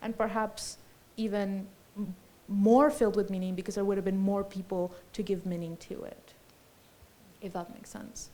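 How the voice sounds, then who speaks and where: A woman's voice: mid-range voice, steady tone, normal speed, mellow. A woman in her forties, from Colombia, speaking reflectively and lyrically as a panelist at a festival discussion, with many fillers and restarts.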